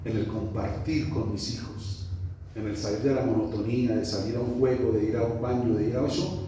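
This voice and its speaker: A man preaching a sermon as a pastor, shifting between loud high bursts and soft, low, slowed passages. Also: fairly even intonation, a little hiss or hum. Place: church hall. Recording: echoey church hall from far off.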